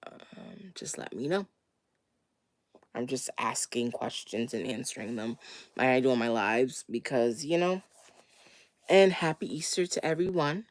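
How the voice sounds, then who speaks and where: Hosting a question-and-answer livestream, a woman with a bass voice chats in a laid-back, casual way. She is getting over a cold and sounds slightly wheezy, speaking unhurriedly with frequent pauses and no echo.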